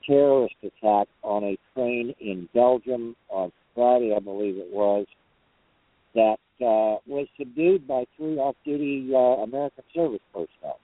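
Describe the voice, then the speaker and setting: A truckers' talk show host, parked in his truck's cab, chats with callers in a homespun, rambling way full of hesitation. His voice sits in the mid range and moves at a moderate pace. The line is narrow and tinny, phone or radio style, with no room sound.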